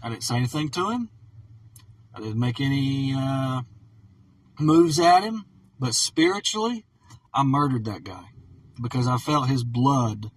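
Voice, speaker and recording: A man tells a personal story straight to the camera in a rambling vlog monologue. He repeats himself, sinks into low mutters, then bursts out loud. His voice is husky and sits a little back from the microphone. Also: sing-song, a little slow, pauses often, far from the mic, rough recording. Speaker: vlogger.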